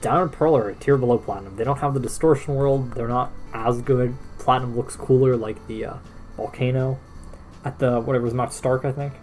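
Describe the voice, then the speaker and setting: A man's voice: medium pitch, steady tone, brisk. A tired man talking casually and rambling about games, often restarting his sentences. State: tired, yawning. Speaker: gaming video creator. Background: soft background music.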